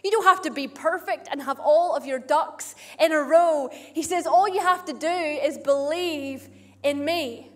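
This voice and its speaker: A woman preaching a sermon in slow, deliberate phrases, often repeating a line for emphasis. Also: sits high. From Australia.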